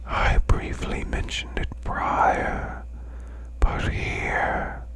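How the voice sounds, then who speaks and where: A hushed, eerie mood fills this ASMR bedtime tale, told by a performer voicing a male demon boss. He uses a low, breathy, growling whisper, taking each line slowly and deliberately.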